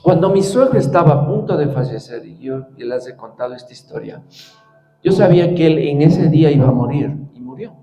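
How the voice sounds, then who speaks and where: Older male preacher, very dark tone, scripture reading and personal reflection, roomy echo. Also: on the high side, expressive, fairly quick, soft background music. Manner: reads scripture then reflects personally, with frequent rhetorical "¿no?". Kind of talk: sermon.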